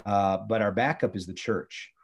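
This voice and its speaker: A man's voice: lowish voice, fairly even intonation, normal speed, gravelly, husky. A middle-aged man, a former youth pastor, talking about faith and family in an earnest, preachy way with many restarts.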